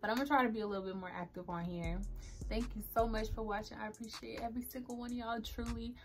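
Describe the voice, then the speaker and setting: A woman's voice: on the high side, fairly even intonation, fast talker. Chatty young woman vlogging. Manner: chatty, rambling, frequent ums and likes. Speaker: beauty vlogger. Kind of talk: casual get-ready-with-me chat.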